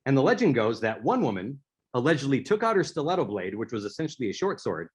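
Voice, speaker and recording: A man's voice: medium pitch, sing-song, quick pace, husky. A man speaking as an author, giving a prepared talk and telling stories, with a few restarts. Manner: storytelling, with some restarts. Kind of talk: prepared speaker-series presentation.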